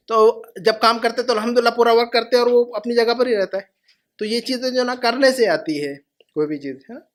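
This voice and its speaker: High-voiced man teaching in a classroom. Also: fairly bright tone. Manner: patient, repeats each phrase slowly. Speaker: Arabic teacher. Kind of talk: classroom lesson.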